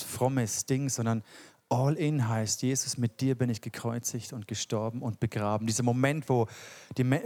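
A man preaching a sermon in an impassioned, conversational way, often sinking into soft, hushed tones. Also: medium pitch. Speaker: pastor.

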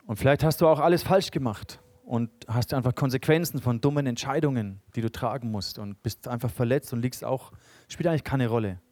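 Young male pastor, earnest sermon delivery, mid-pitched, dry mic. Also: a little fast, darkish tone, no room sound. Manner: earnest, builds in emphasis, reads scripture aloud. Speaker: preacher.

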